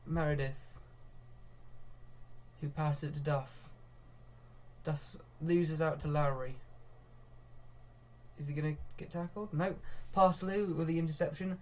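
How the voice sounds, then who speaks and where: A young man commentating live on his own football management game, getting excitable when goals come and laughing at himself. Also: on the high side, a little slow, pauses often. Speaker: gaming video host.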